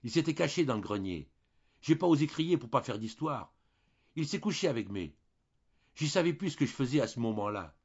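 A man voicing a young peasant maid who sobs and confesses in halting, broken rustic speech. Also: mid-range voice, sing-song, darkish tone, breathy edge, muffled recording, pitched above the performer's own voice. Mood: feverish confession.

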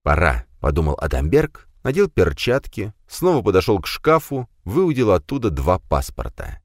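A male audiobook narrator giving an expressive scripted reading. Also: lowish voice, moderate pace, no echo, studio quality. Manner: expressive reading of a crime novel.

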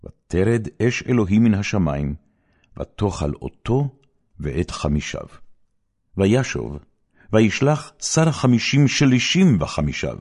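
A low-voiced audiobook narrator reads holy scripture in a solemn, measured way, yet he is very animated and a little mellow. Broad shifts in intonation give important phrases a declamatory force.

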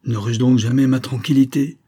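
A man's voice: lowish voice, a little fast, husky. A man reading an audiobook voices a spoiled young nobleman who rants in fury. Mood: furious. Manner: ranting, shouting.

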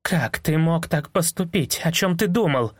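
A man voicing a stern, protective young woman who is an older sister, in a sharp, reproachful tone for an audiobook. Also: a little high, expressive, unhurried, breathy edge, no room sound, clean studio sound, voice pushed up. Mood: angry, reproachful. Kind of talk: audiobook character voice.

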